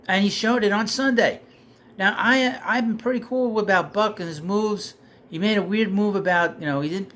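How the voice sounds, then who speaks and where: Getting worked up over his team, this sports commentator delivers a casual rant that climbs in pitch and volume as frustration builds, wearing his voice out. His voice is on the high side, and there's slight background noise.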